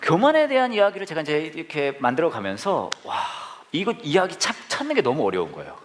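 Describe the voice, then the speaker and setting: Man preaching, fast and lively, self-deprecating humor in front of a congregation. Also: fairly high pitch, slight background noise. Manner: jokey, self-deprecating, animated. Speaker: pastor. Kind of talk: humorous storytelling sermon. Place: church service with live congregation.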